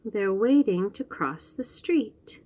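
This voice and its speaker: A woman hosts a read-aloud of a picture book for young children, describing each page in short, simple phrases and asking the listener questions. Her mid-range voice is slow and dark-toned, with lively intonation.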